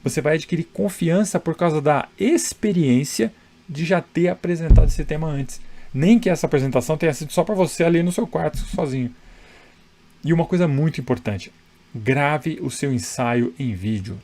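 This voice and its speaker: A man's voice: a little high, normal speed, dark tone, a little hiss or hum. A man coaching public speaking straight to the camera, chatty and emphatic, often checking in with the viewer. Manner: conversational, tag questions, emphatic. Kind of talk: direct-to-camera advice.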